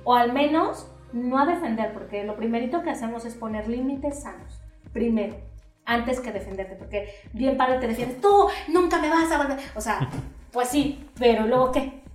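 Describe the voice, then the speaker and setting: A Mexican woman therapist explaining things in lively conversation, acting out quoted voices with many fillers. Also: a little high. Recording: roomy, distant mic.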